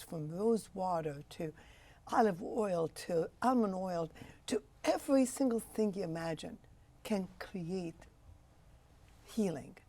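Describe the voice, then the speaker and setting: A woman in her sixties from Egypt, a physician, answers interview questions with passionate, emphatic phrasing. Her voice is mid-range with a darkish tone.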